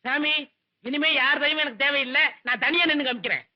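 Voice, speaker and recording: A man playing a proud, hapless young village barber who talks back cheekily. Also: extremely high pitch. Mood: cheeky. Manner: quick, cheeky. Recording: dull old film soundtrack.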